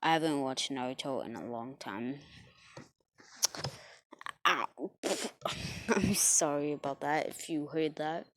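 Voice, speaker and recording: A woman rambling through an improvised fan story, halting and correcting herself with fillers and apologies. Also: deep voice, fairly bright tone, no room sound.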